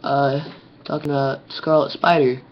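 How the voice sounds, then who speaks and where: This teen boy speaks at medium pitch with flat delivery and a moderate pace, casually rambling through a comic story full of ums and likes. He's captured on a webcam mic, and the audio is dull and lo-fi with a faint hiss.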